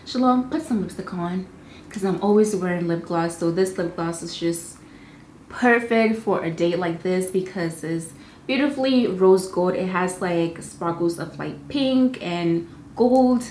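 With a darkish voice on the low side, a young beauty vlogger chats to camera about products in her home filming studio. Her manner is bubbly and chatty, with rapid asides. The recording is roomy with faint ambience and a little hiss or hum.

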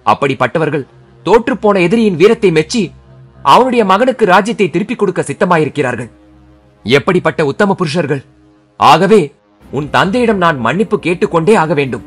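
A man's voice: on the high side, a bit bright, breathy edge. A man voicing a young nobleman, speaking firmly and earnestly to his beloved in an audiobook. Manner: firm, earnest.

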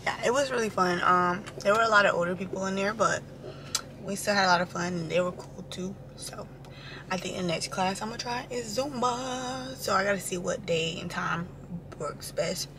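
A woman in her twenties talks casually to her audience in a medium-pitched voice at normal speed. It's a relaxed vlog shot indoors, partly in a parked car and partly in a room at home. The camera sits close or at arm's length, and its audio is noisy with ambient sound.

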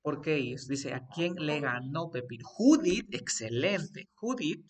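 Slow, questioning male grammar teacher. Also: on the high side, lively intonation, far from the mic. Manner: questioning, coaxing students step by step. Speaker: English teacher. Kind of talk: live online grammar lesson.

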